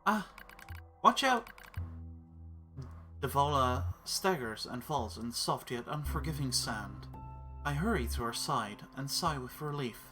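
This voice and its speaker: A man streaming a game who reads its story text aloud in a steady, measured way. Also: medium pitch, soft background music.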